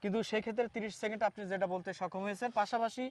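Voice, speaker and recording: A man from Bangladesh hosts a local news interview and talks quickly, with a fairly high voice. He is halting and repetitive, restarting his sentences and filling the gaps with hesitations. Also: fairly even intonation, no echo. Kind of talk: on-camera interview with a timed demonstration.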